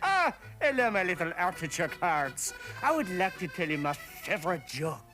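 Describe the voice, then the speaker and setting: A man's voice: sits high, big pitch swings, normal speed, music in the background. A man playing a jolly Frenchman with a put-on French accent, fawning and giggly, mixing mock French with English. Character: jolly Frenchman telling a joke.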